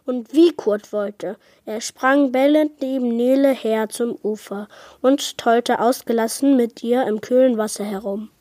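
A woman reading a children's book aloud with expressive storytelling. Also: fairly high pitch, measured pace, dry recording, clean studio sound. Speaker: reader.

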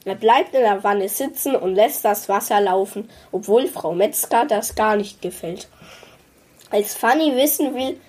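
A woman reading a children's story aloud in a calm, even way. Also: medium pitch, a little slow, husky.

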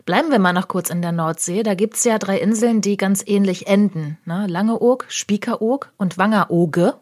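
A woman's voice: medium pitch, a little mellow. A woman co-hosting a podcast, asking questions in a playful, joking way. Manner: playful, quick to laugh, asks questions. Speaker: podcast co-host. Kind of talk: podcast conversation.

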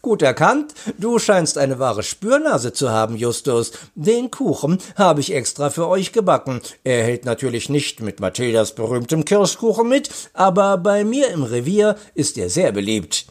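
A man's voice: a little high, sing-song, normal speed, few pauses, pitched above the performer's own voice. A man voicing a cheerful veteran woman police inspector in a read-aloud story.

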